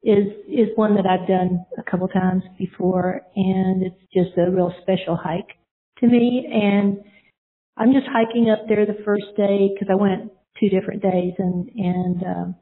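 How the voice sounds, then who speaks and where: Over a tinny line that sounds like a phone, a middle-aged woman shares her story in earnest. She speaks unhurriedly in a mid-range voice with little pitch movement, wandering along with frequent fillers and false starts.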